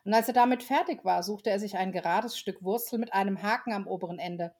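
Female storyteller, relaxed read-aloud, mid-range voice, casual slips. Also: medium pitch, a little fast. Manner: relaxed, with small slips and restarts. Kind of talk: reading a children's story aloud.

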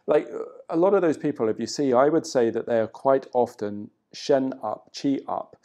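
Mellow-voiced man teaching qigong. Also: medium pitch, animated, moderate pace. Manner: conversational, swearing, frequent "you know". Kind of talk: casual spoken teaching. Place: hotel room.

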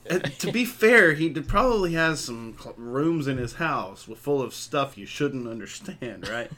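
A man's voice: medium pitch, lively intonation, unhurried, bright, forceful tone, a little hiss or hum. A man chatting casually as a podcast co-host, rambling with lots of fillers and laughing often. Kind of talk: casual chat.

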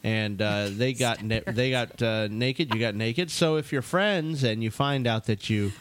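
A man co-hosting a radio show, talking off the cuff in a halting way and repeating words as he goes. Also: medium pitch. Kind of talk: unscripted radio talk and promotion.

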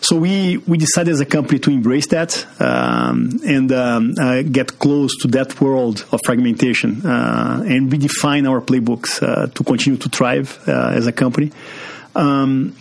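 This is a marketing executive from Brazil, interviewed as a guest on a business podcast. His mid-range voice carries vocal fry and a Brazilian Portuguese accent, and he talks with many fillers and false starts.

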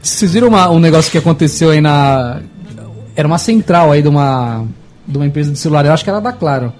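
High-voiced man, casual chat. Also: fast, soft background music. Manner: relaxed explaining, mimics call-center pitch.

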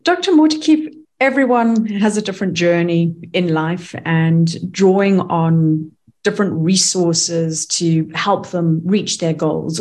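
A woman hosting an interview, asking her guest questions in a measured, composed way. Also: on the low side, darkish tone. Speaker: interview host.

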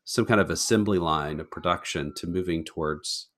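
A man's voice: sits low, normal speed, fairly bright tone. A man co-hosting a podcast, talking earnestly and searchingly, often trailing off at the end of a phrase. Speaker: podcast co-host. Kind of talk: casual discussion.

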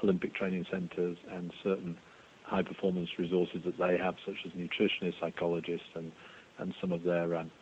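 A man answering interview questions as a sports executive, explaining in a measured way and repeating phrases as he goes. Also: low voice, monotone, darkish tone. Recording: dull radio sound with faint hiss.

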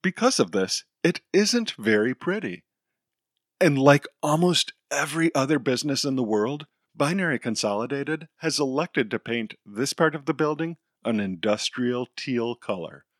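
A man narrating a superhero audio story in a lively storytelling way. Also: mid-range voice, normal speed, dry recording. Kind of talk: scripted narration.

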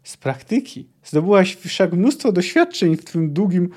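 A man's voice: sits high, very animated, measured pace, darkish tone, breathy edge, heavily acted. A man voicing a stern old male scholar who lectures sarcastically, read aloud from a fantasy novel. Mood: stern lecturing.

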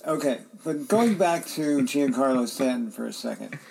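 A man's voice: medium pitch, lively intonation, normal speed, creaky, darkish tone, slight background noise, poor audio. A man co-hosting a podcast in casual chat, teasing and skeptical as he argues his point. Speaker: podcast co-host.

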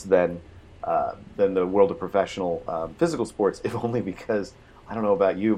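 A man's voice: low-pitched, a little hiss or hum. A man co-hosting a casual gaming talk show, joking with a dry, sarcastic humor. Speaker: podcast co-host. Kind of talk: casual chat.

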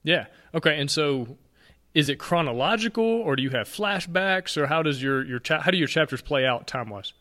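A man hosting a podcast interview, talking in an upbeat, friendly way and asking quick questions. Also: fairly high pitch, expressive, sharp tone. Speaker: podcast host. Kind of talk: casual interview chat.

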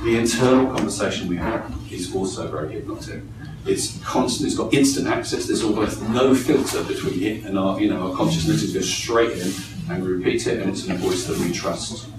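A man leading a live coaching training for a group, lively and engaging, often acting out voices. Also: low voice, brisk, heavy background noise. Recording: echoey room from a distance.

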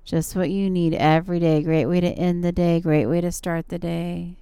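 A woman's voice: on the low side, steady tone, moderate pace, dark tone, clear, resonant tone, no room sound. A woman yoga instructor leading guided stretching and relaxation in a soothing, encouraging manner. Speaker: yoga instructor and show host.

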